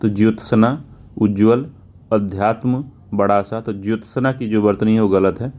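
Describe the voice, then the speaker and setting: A man's voice: lowish voice, steady tone, normal speed, warm tone. A male teacher working through exam questions one by one, often repeating answers and checking with "theek hai". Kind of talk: exam answer walkthrough lesson.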